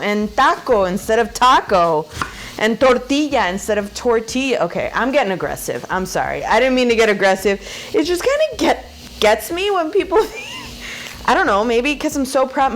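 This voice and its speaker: A cooking vlogger in her thirties, of Puerto Rican and Mexican heritage and a native Spanish speaker, gives a casual cooking demo to camera in her home kitchen. She is chatty and playful, laughs often, and talks to viewers in a high-pitched voice, with a little hiss or hum on the recording.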